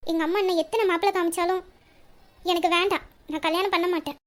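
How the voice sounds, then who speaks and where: In an audio story reading, a woman with an extremely high, steady voice speaks fast as a troubled young bride-to-be who is secretly in love. Pleading, she talks hesitantly and evasively about her marriage.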